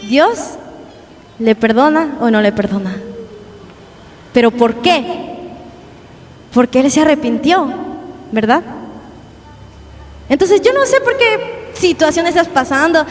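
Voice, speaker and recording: A woman's voice: high voice, big pitch swings, takes it slowly, long pauses. A young woman preaching a sermon at a youth service, earnest and repetitive, often asking the congregation questions. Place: church hall. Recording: long church hall reverb, faint background noise.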